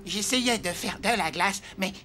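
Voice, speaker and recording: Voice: medium pitch, a little slow, noisy background, lightly acted. An actor in a French cartoon dub playing Gus, a cheeky, lazy, scheming schoolboy with a slangy, exaggerated delivery. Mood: sly, smug.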